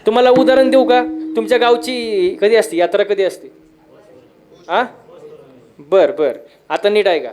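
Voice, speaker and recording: A man's voice: high-pitched, a little slow, long pauses, darkish tone. A man giving a humorous devotional kirtan sermon, telling stories with repeated refrains and quizzing the crowd for answers. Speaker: kirtan preacher.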